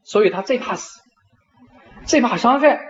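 A middle-aged man, a university professor, giving a lecture and telling stories with drawn-out particles. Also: extremely high pitch, muffled recording. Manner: animated storyteller, frequent drawn-out particles. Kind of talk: lecture with storytelling.

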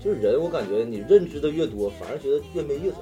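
A man's voice: a little high, animated, racing, music in the background. A man from northeastern China with a Northeastern accent, chatting casually and telling personal anecdotes in an earthy, slangy way with some swearing. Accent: Northeastern Chinese. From Daqing, northeastern China. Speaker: talk show storyteller among friends.

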